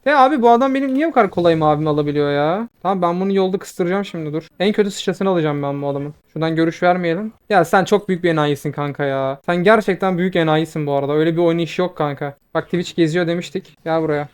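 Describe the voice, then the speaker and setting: A young man giving quick, excitable commentary over his own gameplay, swearing when frustrated. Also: on the high side, clean tone. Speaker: gaming video creator.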